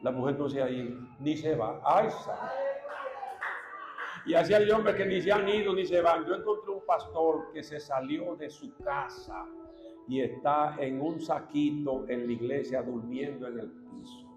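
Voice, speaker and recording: Brief: a male preacher, emphatic and repetitive, slightly high voice, in a reverberant church with music underneath. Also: measured pace. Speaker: pastor. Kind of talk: sermon.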